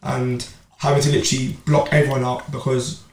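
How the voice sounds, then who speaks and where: A man's voice: mid-range voice, a little fast. A young man telling his boxing story in a casual podcast chat, full of slang and repeats. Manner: animated storytelling with street slang. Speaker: amateur boxer and club player. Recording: roomy, distant mic, faint noise.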